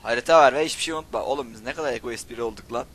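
A young man hosting a gaming channel, casually commenting on play, joking and swearing excitedly at the game. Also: medium pitch, racing, husky.

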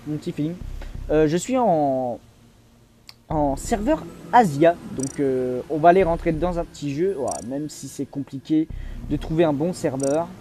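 Lively young gamer with faint hiss. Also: male voice, fairly high pitch, unhurried. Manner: chatty, restarts a lot, excitable bursts. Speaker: gaming YouTuber. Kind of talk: casual let's-play commentary.

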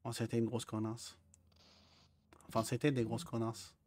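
A man's voice: medium pitch, flat delivery, normal speed, background noise. A man in character as a naive, childlike gang member, stammering often in casual roleplay chat over a headset.

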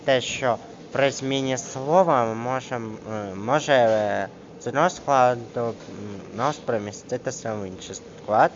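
A man coaching a single student through a grammar lesson, pausing often and drawing out each example word as he reads it aloud. His voice sits at an ordinary middle pitch. The recording sounds dull and lo-fi, with a steady hiss of noise behind him. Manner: hesitant, with many fillers, reads examples slowly. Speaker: tutor. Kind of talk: casual one-on-one grammar lesson. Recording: dull lo-fi screen recording with clear background noise.

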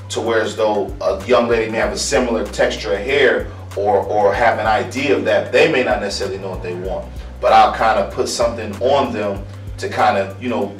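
A man in his thirties from Akron, Ohio, a barber answering interview questions in a calm, earnest way, often repeating words as he searches for them. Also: fairly low pitch. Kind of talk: casual interview. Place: small room indoors. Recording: roomy, distant mic, faint music.

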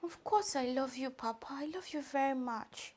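A woman's voice: high voice, normal speed, a little mellow, lightly acted. A woman with a Nigerian accent playing a giggly girlfriend who sweet-talks her boyfriend for money in a comedy skit. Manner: wheedling, giggly.

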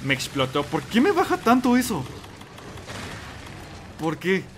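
A young Mexican man with a Mexican Spanish accent commenting on his own gameplay, excitable and quick to yelp and curse. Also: high-pitched, slight background noise. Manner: excitable, yelps and curses at the game. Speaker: gamer. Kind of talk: let's play commentary.

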